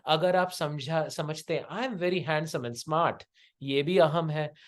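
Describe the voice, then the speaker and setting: A man with an Indian accent and a fairly high voice speaks slowly, coaching a group in an interactive spiritual lecture. His manner is didactic, full of rhetorical questions, and he switches between Hindi and English.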